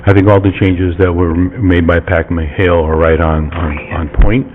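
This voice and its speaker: Man, deep pitch, informal meeting talk, muffled recording with faint noise. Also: fairly even intonation, normal speed.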